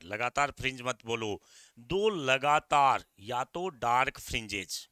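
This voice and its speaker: A middle-aged Indian man teaching exam physics in a very bright, crisp voice. He is energetic, hammers the key points again and again, and talks straight to his students. The sound is dry, with no room around it. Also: mid-range voice, no room sound. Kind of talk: exam-prep physics lecture.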